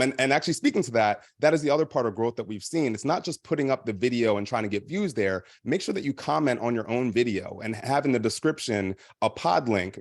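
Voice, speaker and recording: A man's voice: mid-range voice, no room sound, studio quality. A man, the founder of a podcast company, speaking on a panel and explaining practical tips at length with frequent fillers. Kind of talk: panel discussion advice.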